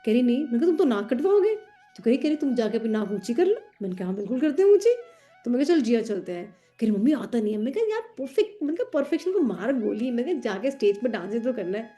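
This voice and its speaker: A woman in casual group chat, telling stories with lively acted-out dialogue, mixing Hindi and English. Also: a little high, racing, few pauses, soft background music. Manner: animated storyteller acting out dialogue. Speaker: tarot student.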